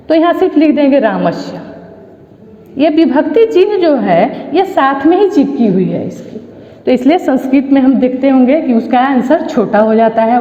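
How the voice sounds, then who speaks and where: A woman from Bihar with an Indian accent teaching a Sanskrit class online, reciting word forms in slow, deliberate drills. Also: high-pitched. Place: classroom or school room. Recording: echoey room, dull lo-fi sound.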